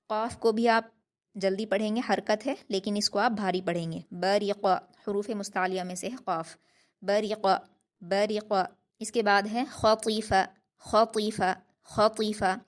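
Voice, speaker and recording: A woman teaching a tajweed lesson, patiently explaining pronunciation and repeating each word three times for her students. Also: mid-range voice. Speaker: Quran recitation teacher.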